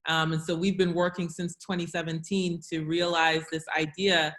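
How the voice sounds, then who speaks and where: A woman's voice: on the low side, normal speed. A woman, an entrepreneur speaking as a guest in a webinar conversation, leaning on fillers like you know. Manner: flat, filler-heavy, says you know. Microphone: video call.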